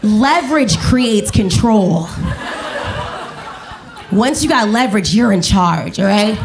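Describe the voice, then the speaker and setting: A woman in her twenties performing a stand-up comedy set on a club stage, animated and acting out other people's voices. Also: mid-range voice, takes it slowly, vocal fry.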